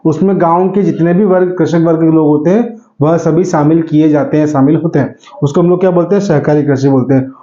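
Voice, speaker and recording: High-voiced, teacher-like man in a roomy space. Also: steady tone, brisk, hardly any pauses, warm tone, dull audio. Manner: repeats answers, calls students 'beta'; asks a question, then answers it himself. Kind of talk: exam-prep lesson.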